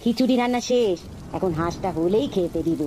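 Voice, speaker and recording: A woman voicing a caring village mother in a cartoon, motherly and quick to exclaim. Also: medium pitch, noisy background, close to an everyday voice. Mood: soothing.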